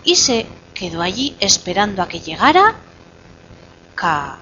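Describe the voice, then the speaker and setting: A woman telling a fairy tale to a small child, slowly and playfully, pausing so the child can finish the lines. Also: mid-range voice, lo-fi sound, a little hiss or hum. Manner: slow and animated, coaxing the child to finish lines. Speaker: storyteller to a child.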